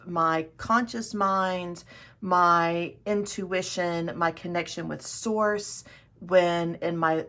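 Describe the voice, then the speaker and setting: Woman chatting slow and a bit low, gravelly voice, rambly and excited about her stuff. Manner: rambling, self-correcting, enthusiastic. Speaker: tarot video host. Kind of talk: casual chat to camera.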